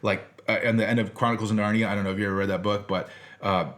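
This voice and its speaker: Talking very fast with a flat delivery, this American man lectures informally on philosophy, conversational yet emphatic, speaking straight to the audience as their teacher. His pitch is fairly low and the sound a bit bright.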